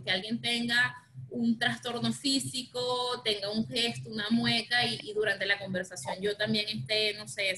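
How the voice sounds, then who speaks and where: A woman's voice: fairly high pitch, bright, forceful tone, slight background noise, low-quality recording. A woman giving a training talk on negotiation, explaining with many fillers and restarts. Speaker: director presenting a training session.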